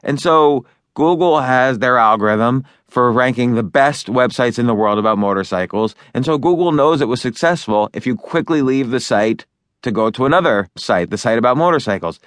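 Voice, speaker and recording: With clean studio sound and no room noise, a man narrates his own book in a medium-pitched, expressive, slightly bright voice at normal speed. His delivery is informal, with fillers and restarts as he talks each point over.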